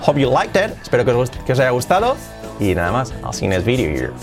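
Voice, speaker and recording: A man from Spain with a Spanish accent, teaching English pronunciation in a lively online lesson and drilling phrases over and over. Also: medium pitch, fast, over loud music.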